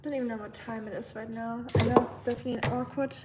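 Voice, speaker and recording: A young German-accented woman talks very fast while cooking on a livestream at home, rambling chattily, reading chat aloud and using lots of ums. Her voice is a little high with fairly even intonation. The distant mic picks up background noise and kitchen clatter from clinking dishes, pots and pans.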